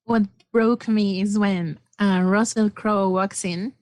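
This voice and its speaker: A woman's voice: medium pitch, slow pace, no room sound. Enthusiastic woman guest, dry close sound. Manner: enthusiastic, animated. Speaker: podcast guest. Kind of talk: casual film discussion.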